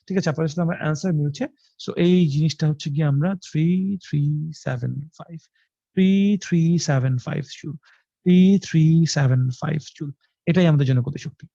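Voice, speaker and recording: A man's voice: a little high, brisk, creaky, warm tone, no room sound, lo-fi sound. A young man with a Bangladeshi Bengali accent teaching a live online physics class, colloquial and repetitive, mixing in English terms. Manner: colloquial, mixes English terms, repeats phrases.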